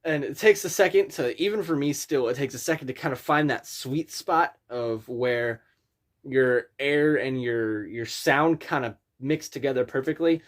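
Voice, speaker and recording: A man teaching screaming technique in a casual tutorial, explaining things in an informal, halting, rambling way. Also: medium pitch. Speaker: scream vocal instructor. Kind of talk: casual spoken tutorial with vocal demonstrations.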